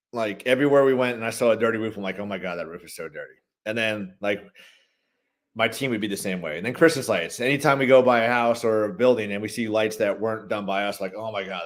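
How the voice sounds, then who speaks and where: A man who runs a lighting business, telling rambling, animated stories in a casual interview. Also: mid-range voice. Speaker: guest, holiday lighting business owner.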